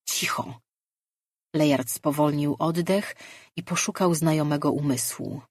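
Slow husky woman narrating an audiobook. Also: deep voice, darkish tone, dry recording, clean studio sound.

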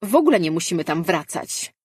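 A woman's voice: on the low side, very animated, brisk, a little mellow, breathy edge, no room sound, clean studio sound, heavily acted. A woman reading a glib, teasing male spirit who shares a man's mind, speaking in an offhand way. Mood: insistent.

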